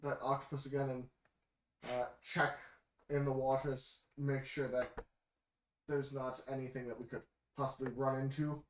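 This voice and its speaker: A man narrating as game master of a tabletop game in a relaxed, joking way. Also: medium pitch, normal speed. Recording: echoey room, faint noise.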